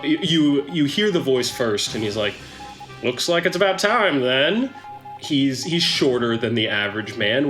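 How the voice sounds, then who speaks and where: A man's voice: medium pitch, fairly bright tone. A man narrating a tabletop game as game master, describing scenes in the second person.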